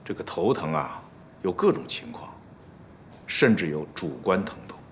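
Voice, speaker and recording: An actor playing a senior department chief who firmly explains a patient's condition. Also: male voice, low-pitched, expressive, a little hiss or hum. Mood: measured. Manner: firm, measured, explaining. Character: stern male senior doctor, patient and firm.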